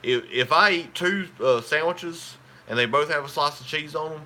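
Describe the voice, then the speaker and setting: A man's voice: a little high, moderate pace, bright, forceful tone. A man, hosting a casual live stream and chatting with viewers in a rambling, talkative way.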